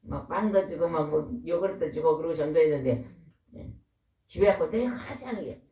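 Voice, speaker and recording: A woman preaching a lively, folksy sermon, a pastor's wife who keeps asking the congregation questions. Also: low voice, moderate pace. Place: church hall. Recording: echoey hall, voice from far off.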